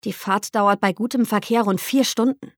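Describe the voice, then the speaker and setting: Woman, audiobook narrator, first-person novel, steady, reflective, mid-pitched, dry close sound. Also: moderate pace, no room sound.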